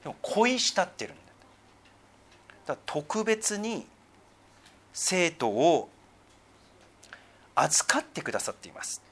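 A middle-aged man, a pastor preaching a sermon, who swings between emphatic raised passages and soft, murmured asides. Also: sits high, sing-song, takes it slowly, pauses often, slightly rough.

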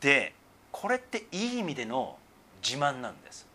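A middle-aged man, a pastor preaching a sermon, who swings between emphatic raised passages and soft, murmured asides. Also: mid-range voice, wildly swooping pitch, normal speed, slightly rough.

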